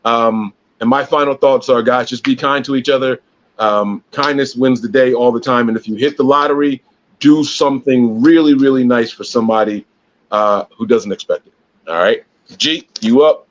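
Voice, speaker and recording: A man's voice: mid-range voice, moderate pace, lo-fi sound. A man co-hosting a casual live podcast, teasing and laid-back. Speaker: podcast co-host. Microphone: phone.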